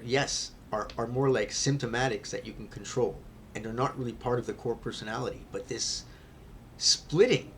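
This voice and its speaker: Man, vlogger, rambling confessional talk, mid pitch, faint rumble in the background. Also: vocal fry. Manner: rambling, restarts often, swings from muttering to loud excitement. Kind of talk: confessional vlog.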